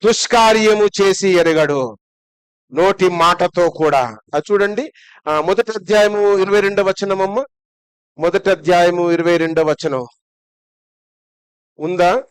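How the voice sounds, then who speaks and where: A male pastor preaching a Sunday sermon in a lively, conversational way, firing off rhetorical questions. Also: high-pitched, unhurried, long pauses, clear, resonant tone, no room sound.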